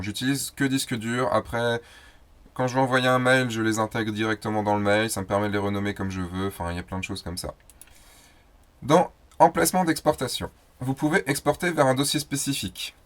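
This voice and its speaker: A man hosting a photo tutorial, explaining software in a loose, chatty way with fillers and self-corrections. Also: lowish voice, brisk. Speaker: host of a photo tutorial show. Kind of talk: casual screen-recorded software tutorial.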